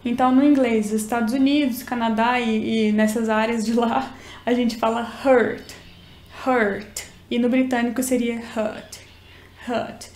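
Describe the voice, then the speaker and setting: Young Minas-accented woman, teacher vlog, higher voice, echoey room. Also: steady tone, normal speed, darkish tone. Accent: Minas Gerais Brazilian Portuguese. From Minas Gerais, Brazil. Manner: chatty, explains and demonstrates pronunciations. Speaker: English teacher.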